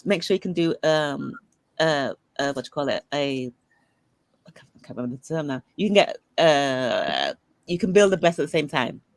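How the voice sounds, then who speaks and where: A middle-aged woman, an interview guest, telling personal stories in a lively, conversational way and acting out the voices of people she quotes. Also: low voice, no room sound. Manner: animated storyteller who acts out dialogue. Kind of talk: conversational storytelling.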